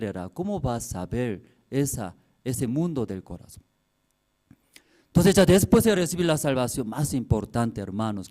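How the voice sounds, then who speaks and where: A male pastor preaches slowly and deliberately, his pitch leaping up and down with emphasis. He repeats key words, fires off rhetorical questions and tags his points with quick checks to the congregation, in slightly broken phrasing. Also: warm tone. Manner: repetitive, with rhetorical questions and tag questions; slightly broken, non-native-sounding Spanish phrasing. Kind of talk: sermon.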